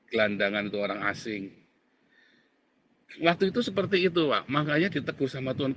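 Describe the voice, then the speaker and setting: A middle-aged man preaches and tells his own story. His voice is bright and forceful, and his delivery leaps between quiet asides and loud, high exclamations. A faint hiss of noise runs beneath him. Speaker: pastor. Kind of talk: testimony and preaching in a Bible Q&A.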